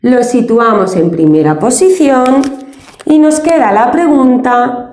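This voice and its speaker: A woman teaching an English grammar lesson step by step, patient and explaining things slowly with many diminutives. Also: on the high side, animated, a little mellow, reverberant.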